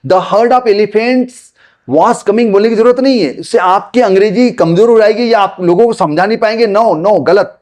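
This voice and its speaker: Man, English teacher, high voice, patient repetitive explaining. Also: darkish tone. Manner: explains slowly, repeats points, addresses viewers as friends. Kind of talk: spoken English lesson to camera.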